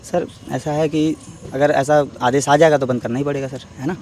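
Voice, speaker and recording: A man's voice: on the high side, fairly even intonation, moderate pace, a little mellow, a little hiss or hum. A young man, a paramilitary jawan and cricket coach, giving a defensive, emphatic street interview outdoors and often calling the reporter "sir".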